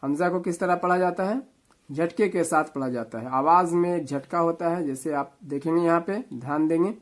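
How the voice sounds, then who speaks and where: A man teaching Quran reading, spelling out letters and vowel marks syllable by syllable, with quick explanations. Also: fairly high pitch. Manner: slow drawn-out syllable-by-syllable recitation between quick explanations. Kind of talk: spelling-out recitation lesson.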